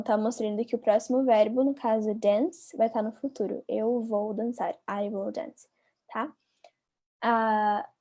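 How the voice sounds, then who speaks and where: A woman with a Brazilian Portuguese accent teaching a live online English lesson. She repeats each word slowly and talks directly to her viewers. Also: a little high, dark tone. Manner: patient, drills words by repeating them slowly, chatty asides to viewers.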